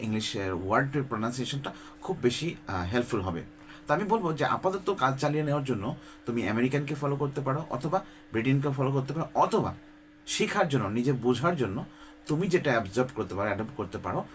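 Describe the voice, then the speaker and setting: Male English tutor from Bangladesh, mid-pitched, conversational and direct, hesitant fillers, faint noise behind. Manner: conversational, addresses viewer directly with frequent rhetorical questions; mixes English words and phrases into his talk. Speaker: English teacher. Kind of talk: informal spoken-English lesson.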